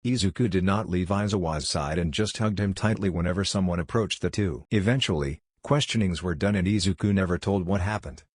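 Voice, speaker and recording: A man narrating a fan story in an even, unhurried reading voice. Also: deep voice, no room sound, clean studio sound. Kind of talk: slow scripted story narration.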